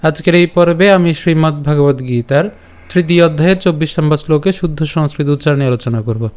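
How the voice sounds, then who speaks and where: A man with a Bengali accent teaching pronunciation step by step, patiently repeating syllables slowly and checking in with his listeners. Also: a little high, a little mellow, clear, resonant tone. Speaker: Gita recitation teacher.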